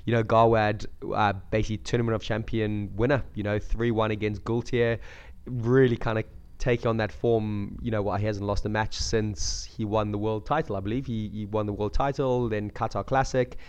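A man croaky from a cold, chatting casually about sport as a podcast co-host. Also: on the low side, little pitch movement, moderate pace, a little mellow. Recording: dull lo-fi audio.

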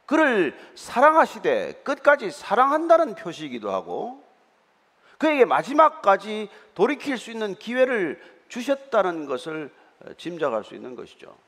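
Lively high-pitched pastor in echoing hall. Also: male voice, moderate pace. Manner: explanatory, conversational preaching with frequent hesitation fillers. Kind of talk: sermon. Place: church sanctuary. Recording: reverberant church hall.

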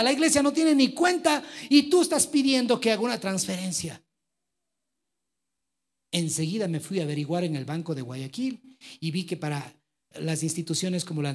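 A man preaching a live sermon in a church, swinging from loud exclamations to quiet asides. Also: fairly high pitch. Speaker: pastor. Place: church with congregation.

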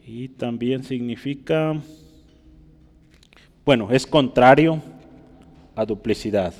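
A man's voice: medium pitch, slow pace, a little mellow, big-room sound. Man preaching a teaching sermon. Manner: teaching, rhetorical questions, asks listeners for agreement; writes on a board while speaking.

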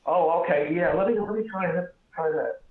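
Man calling in on a distant speakerphone. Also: sits high. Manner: halting, repeats words. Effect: distant speakerphone sound. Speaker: caller. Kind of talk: casual call-in chat. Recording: echoey tinny phone line, faint hiss.

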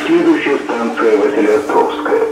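A man's voice: mid-range voice, normal speed. Man announcing stations over a train intercom. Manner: calm, even, official announcing. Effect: heard over a train intercom loudspeaker. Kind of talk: formal recorded station announcements. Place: inside a moving metro train car. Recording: echoey, distant loudspeaker with loud music.

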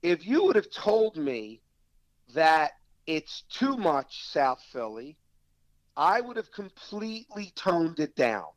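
An actor from South Philadelphia, with a noticeable local accent, tells film-set anecdotes during a casual interview, his voice a little high for a man. He takes it slowly and slips into quoting other people's dialogue, animated as he goes. The recording is close and dry with no echo, and the highs are cut off.

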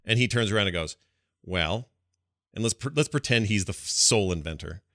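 Bright-voiced, rambling male podcast host. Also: lowish voice, fairly quick, dry recording, studio quality. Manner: rambling, animated storyteller who puts on voices. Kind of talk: casual chat.

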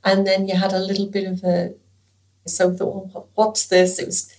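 A woman, a former nurse speaking softly and hesitantly in an interview. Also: medium pitch, monotone, normal speed. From England. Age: 60s. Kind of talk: conversational interview.

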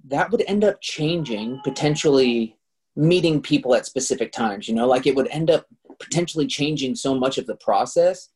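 A man who is a guest on a casual podcast, talking in a relaxed, reflective way with plenty of fillers. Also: mid-range voice, moderate pace, husky. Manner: relaxed and reflective, laid-back filler-heavy speech. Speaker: guest, Muay Thai fighter and kettlebell trainer.

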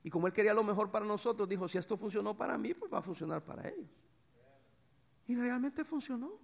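A middle-aged man preaching a sermon as pastor, swinging between loud bursts and soft, tender passages. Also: sits high, quick pace, gravelly. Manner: animated preacher, swings from shouts to soft tones.

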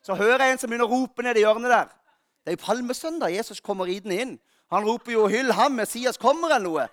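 A male pastor giving an Easter sermon, telling funny stories about himself with lively warmth. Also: high voice, dry recording, studio quality. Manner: lively storytelling, self-mocking humor.

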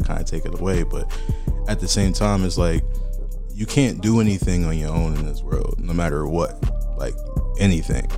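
A young man from Boston, a rapper guest, talking casually in a podcast chat with loose, profane, filler-heavy storytelling. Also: sits low.

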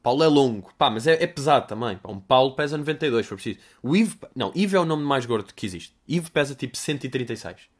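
A man's voice: medium pitch, animated, fast talker. A young man with a European Portuguese accent, answering listener questions in a rambling, crude, jokey comedic monologue.

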